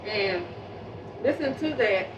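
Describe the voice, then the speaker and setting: Her voice is medium in pitch and a little slow. She is a woman living in public housing, giving an emotional spoken remembrance of a neighbor, earnest and prone to repeating and restarting words, captured on a distant mic with muffled audio and constant background noise.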